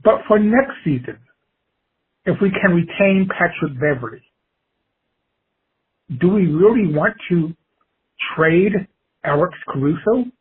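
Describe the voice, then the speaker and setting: Very husky man on a tinny voicemail. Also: high-pitched, lively intonation, takes it slowly, pauses often. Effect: voicemail played over a phone line. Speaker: caller leaving a voicemail. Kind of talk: opinionated fan voicemail. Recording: tinny phone-line voicemail.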